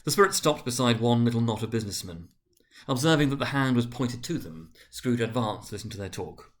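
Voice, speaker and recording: A man's voice: mid-range voice, lively intonation, fairly quick. Man giving a grave, theatrical story reading. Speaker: narrator, dramatic reader. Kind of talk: dramatic storybook narration.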